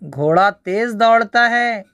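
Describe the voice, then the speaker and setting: A woman teacher with an Indian Urdu accent, reading words and short sentences aloud slowly and deliberately to children. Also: medium pitch, animated, a bit bright, no echo, muffled recording. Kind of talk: slow read-aloud lesson for children.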